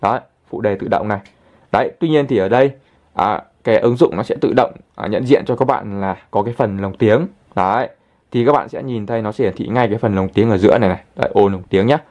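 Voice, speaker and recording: A man hosting a casual app tutorial, chatting his way through each step and filling pauses with little pointer words. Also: on the low side, darkish tone. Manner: chatty, fills pauses with constant "đấy" and "đây". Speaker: channel host, tutorial presenter.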